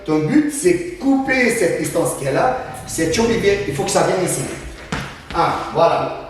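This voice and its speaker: A man's voice: high-pitched, big pitch swings, moderate pace, heavy reverb, long reverb tail, recorded from a distance, slight background noise, rough recording. A man teaching self-defense moves, calling out instructions and punctuating each strike with sound words. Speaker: Krav Maga instructor. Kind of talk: demonstrating self-defense techniques.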